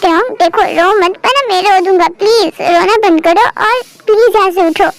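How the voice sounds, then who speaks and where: A woman's voice: extremely high pitch, normal speed, low-quality recording. A woman doing a worried young male college friend. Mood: coaxing. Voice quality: anxious, coaxing.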